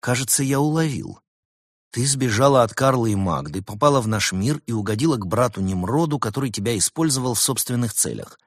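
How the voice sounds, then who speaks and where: Storybook fox, male and sly, voiced by a man a notch higher and louder than the narrator, dry husky tone. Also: animated, brisk, dry recording. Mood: insistent. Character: shrewd talking male fox, patient explainer. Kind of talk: audiobook character voice.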